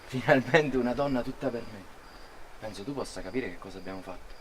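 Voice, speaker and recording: A man's voice: mid-range voice, fast, background noise, close to an everyday voice. An actor playing a young man who smugly confides a night's conquest outdoors. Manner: confiding, smug. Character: boastful young man confiding about a girl.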